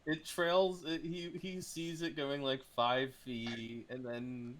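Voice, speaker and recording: A man acting as game master, describing the scene in a hesitant, halting way. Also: medium pitch, little pitch movement, a bit bright, slight background noise.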